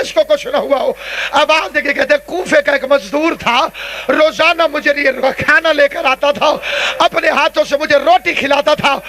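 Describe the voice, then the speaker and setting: Man, preacher, mourning sermon, impassioned lamenting delivery, very high pitch, sharp bright tone. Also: slight background noise. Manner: impassioned, lamenting oratory with sung verses. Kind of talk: mourning sermon at a religious gathering.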